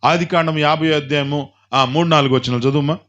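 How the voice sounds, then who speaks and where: A fairly high-voiced man preaches a sermon, stacking repeated phrases in a steady rhythm. He calls out to his congregation to answer back. The recording sounds dull and lo-fi. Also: quick pace. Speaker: pastor.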